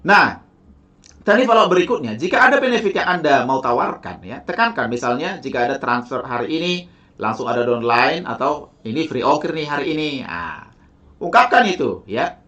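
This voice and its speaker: A man's voice: medium pitch, brisk. A man teaching follow-up sales technique in a motivational lecture, often tagging his sentences with "ya" and acting out sample dialogue. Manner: animated, tags sentences with "ya" and "teman-teman"; acts out sample sales dialogue in lively voices. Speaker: sales and network-marketing trainer.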